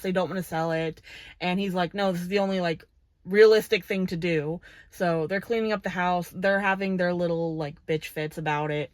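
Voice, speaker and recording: A woman talks through a book in a relaxed review, chatty and animated with many "like" fillers. Her voice sits in a middle pitch, and the recording is dry, with no room sound. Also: no echo.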